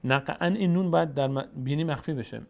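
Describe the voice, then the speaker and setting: A man with a Tajik accent teaching Quran recitation rules, patiently explaining and slowly repeating words to show their pronunciation. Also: a little high, creaky. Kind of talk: explanatory lesson.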